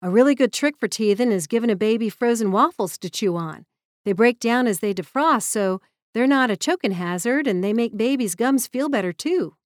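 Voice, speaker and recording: A woman voicing a gentle, earnest Southern mechanic who speaks in a calm, reassuring way. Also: a little high, normal speed, no echo, clean studio sound, lightly acted. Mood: helpful.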